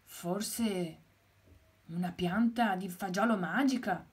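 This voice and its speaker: A woman voicing an eager, excitable male rooster who exclaims and guesses. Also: mid-range voice, takes it slowly, close to an everyday voice. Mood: dreamy.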